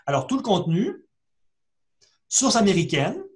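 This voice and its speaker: Man, slightly high voice, webinar tutorial, chatty and full of restarts, computer mic. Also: wildly swooping pitch, moderate pace. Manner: explanatory, conversational, many fillers and restarts. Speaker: librarian giving a webinar. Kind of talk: screen-share tutorial.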